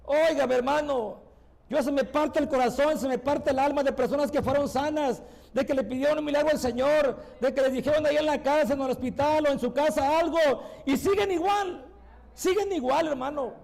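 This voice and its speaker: A male pastor delivers a fervent, pleading sermon in a very high voice. His tone carries a rough, gravelly edge, and he repeats his lines, moving between loud calls to the church and hushed, low passages. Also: brisk. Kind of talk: fervent Spanish-language sermon.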